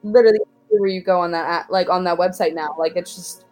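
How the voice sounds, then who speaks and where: A young American woman from Oklahoma in casual, opinionated conversation, halting and full of fillers but emphatic. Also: lowish voice, fairly even intonation, a little mellow, faint music behind. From Oklahoma, United States.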